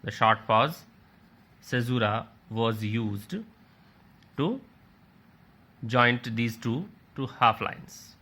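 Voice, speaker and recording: A man's voice: mid-range voice, very slow, long pauses, bright, forceful tone. A man giving a recorded literature lecture, explaining terms by restating and rephrasing them and walking through examples shown on a slide.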